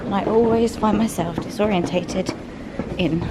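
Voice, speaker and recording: Loud traffic and train noise surrounds a British woman vlogging on the move. She chats informally at a medium pitch, as if to friends. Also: normal speed. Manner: chatty, informal. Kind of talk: casual chat to camera while travelling. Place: on the move in streets, stations and vehicles.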